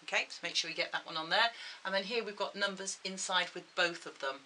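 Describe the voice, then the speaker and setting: A woman's voice: mid-range voice, quick pace, sharp tone, a little hiss or hum, poor audio. A woman giving a video maths lesson, explaining each step patiently and checking in with her viewers. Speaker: maths teacher.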